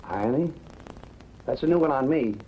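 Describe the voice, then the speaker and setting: An actor playing a sarcastic ex-cop private detective with a Brooklyn accent, in 1940s film acting with a breezy, wisecracking delivery. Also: male voice, medium pitch, lively intonation, moderate pace, phone-quality sound, natural voice. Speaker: private investigator. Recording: old film soundtrack with faint hiss.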